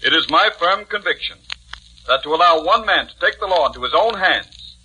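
An actor playing a stern, pompous judge who also narrates, in 1940s radio acting. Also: male voice, a little high, lively intonation, moderate pace, pushed and bright, slight background noise, low-quality recording. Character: stern, pompous middle-aged male judge.

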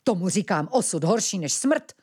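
A woman's voice: lowish voice, lively intonation, a little mellow, husky. A woman voicing a rash, hungry male dog with a blustering, melodramatic manner.

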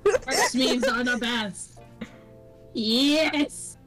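A woman's voice: high-pitched, big pitch swings, very slow, loud music behind the voice. A woman in a casual podcast chat with friends, blunt and teasing.

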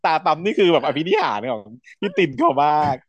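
A man's voice: fairly high pitch, wildly swooping pitch, a little fast, no room sound, highs cut off. A man hosting a casual chat, recapping a story with energy and acting out the characters' lines. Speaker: podcast host recapping a series.

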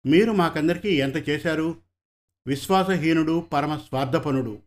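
A man's voice: fairly high pitch, moderate pace, close to an everyday voice. A man reading the heartfelt lines of a hurt young unmarried son in a storybook. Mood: aggrieved. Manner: earnest, heartfelt.

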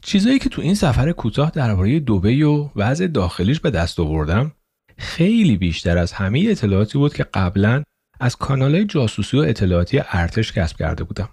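A man's voice: mid-range voice, big pitch swings, darkish tone, slightly rough, no room sound, studio quality. A man doing a sly, guarded spy. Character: middle-aged male intelligence man, guarded, sly.

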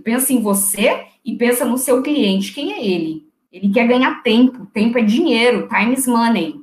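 A woman speaks loudly and plainly as she walks through office phone etiquette, acting out short calls as examples. Her voice sits a little high. The room around her is echoey. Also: lively intonation, moderate pace. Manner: loud, didactic, acts out phone dialogue. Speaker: secretarial trainer. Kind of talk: instructional interview answers.

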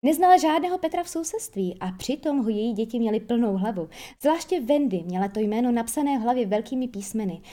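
A woman reads a children's storybook aloud, lively and storytelling. Her voice is soft and mellow, sitting a little high, and she now and then trips over a word. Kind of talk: storybook reading.

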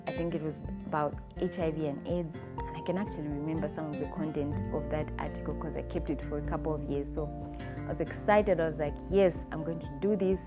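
A woman's voice: low-pitched, fairly even intonation, brisk, over loud music. A woman in her twenties, hosting a solo podcast monologue in an earnest, upbeat way. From Zambia. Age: 20s. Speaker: podcast host.

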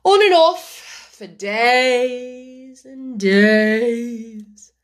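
Woman doing a drawling lazy footman. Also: fairly high pitch. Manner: slow, drawling, unbothered. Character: lazy, indifferent male footman.

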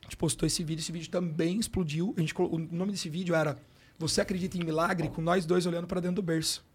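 A sports coach with a Brazilian Portuguese accent speaks at a quick pace as a podcast guest, sharing a personal story. His voice is a little high, slightly rough, and steady in tone. He sounds emotional and informal, with frequent fillers like "cara" and "brother."

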